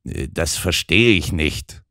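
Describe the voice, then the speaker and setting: A man's voice: a bass voice, animated, slow pace, a bit bright, no echo, studio quality, heavily acted. A man voicing a bewildered police inspector in an audiobook. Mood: confused. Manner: puzzled, helpless. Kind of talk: audiobook character voice.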